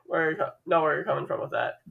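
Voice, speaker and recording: A man's voice: a little high, gravelly, narrow, tinny audio. A man with a Chicago accent co-hosting a casual sports commentary stream, calling plays and teasing his partner. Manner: teasing, quick play-by-play. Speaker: co-host and commentator.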